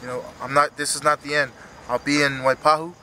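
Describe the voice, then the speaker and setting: A man in his thirties speaking emotionally and haltingly in an earnest, unscripted post-fight interview as a retiring fighter. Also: fairly high pitch, level tone, sharp tone, a little hiss or hum, low-quality recording. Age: 30s. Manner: halting, earnest, repeats himself.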